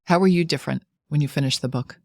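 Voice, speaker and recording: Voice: medium pitch, fast talker, creaky, a little mellow, no room sound, clean studio sound. A podcast host interviewing a guest, asking questions in an admiring tone. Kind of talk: conversational interview.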